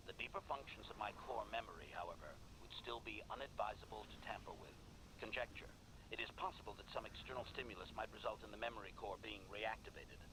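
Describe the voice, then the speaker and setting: A man's voice: lowish voice, noisy background. A man voicing a video game assassin droid, servile yet condescending, formal and clipped, through a metallic robot filter. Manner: formal, clipped, announces each statement type, obsequious yet haughty. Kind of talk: scripted video game dialogue.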